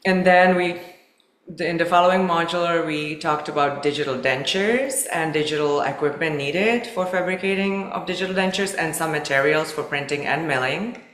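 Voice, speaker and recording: A woman from the Czech Republic, a native Czech speaker, co-presenting a dental webinar with an orderly, steady recap. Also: low-pitched, normal speed, echoey room. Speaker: removable department manager, co-presenter.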